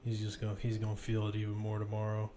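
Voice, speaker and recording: Talking fast in a flat, fairly low and mellow voice, a man gives casual live football commentary, chatting and thinking aloud as he keeps up with play. Slight background noise can be heard.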